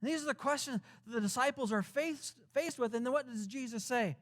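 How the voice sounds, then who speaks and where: A man delivers a sermon in a strikingly high register for a male voice. He preaches conversationally, leaning on rhetorical questions and lists of repeated phrases. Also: fairly quick, a bit bright. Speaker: pastor.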